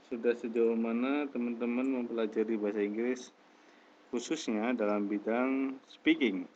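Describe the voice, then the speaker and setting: A male tutor leading an online English class at an unhurried pace. He starts over often and mixes English phrases into his talk. The recording is dull and lo-fi. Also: mid-range voice, a little mellow, slight background noise. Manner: slow, hesitant talk with many restarts, mixing in English phrases.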